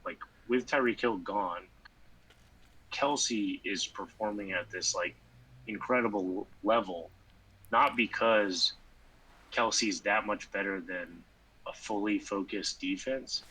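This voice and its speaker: A man co-hosting a casual sports podcast, rambling with lots of fillers and sudden animated bursts. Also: lowish voice, takes it slowly, husky, poor audio. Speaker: podcast co-host.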